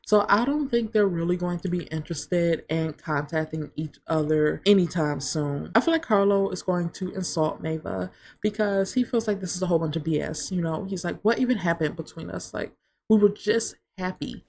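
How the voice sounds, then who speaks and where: A woman's voice: on the low side, normal speed, darkish tone. A woman hosting a let's play, chatting casually and storytelling as she narrates her game. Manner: chatty, storytelling, says "like" a lot.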